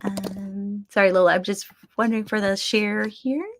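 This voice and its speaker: This casual webinar features a Vietnamese American woman from the United States as guest artist, speaking over a video call with lots of fillers and restarts as she reflects. Her medium pitch barely moves, her pace is moderate, and a little hiss or hum sits under the audio.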